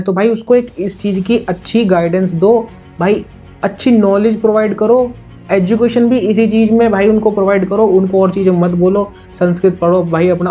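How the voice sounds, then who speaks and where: A man's voice: high-pitched, mellow, highs cut off. Earnest young man in a chatty vlog. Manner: earnest, chatty, constantly says "bhai". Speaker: YouTube reaction host. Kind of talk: casual opinion vlog.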